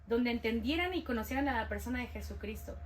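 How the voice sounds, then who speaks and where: Lively Mexican woman with a high voice. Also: fast talker, a little hiss or hum. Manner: lively, acts out quoted dialogue. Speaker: guest sharing testimony. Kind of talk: casual storytelling interview.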